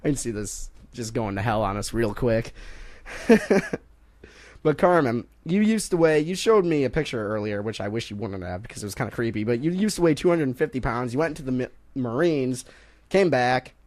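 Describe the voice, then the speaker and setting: A young man hosting a casual sports talk radio show, joking and rambling between topics and quick to laugh. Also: medium pitch, lively intonation, a little mellow. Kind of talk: casual college radio banter.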